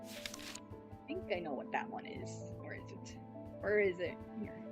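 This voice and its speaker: A woman's voice: lowish voice, big pitch swings, a little slow. A woman game streamer giving casual commentary as she plays live. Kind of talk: casual gameplay livestream commentary. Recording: music behind the voice. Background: background music.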